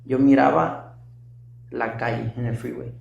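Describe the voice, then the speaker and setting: A man's voice: mid-range voice, fairly even intonation, measured pace, vocal fry, a little mellow, muffled recording, slight background noise. A young man giving an earnest personal testimony, recounting events vividly with repetition. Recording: distant echoey room mic.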